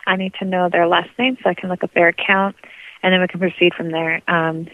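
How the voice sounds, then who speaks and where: A woman's voice: fairly low pitch, little pitch movement, a little fast, no echo. A woman from an office leaving a polite, businesslike voicemail, played back over a phone line. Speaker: office staff returning a call.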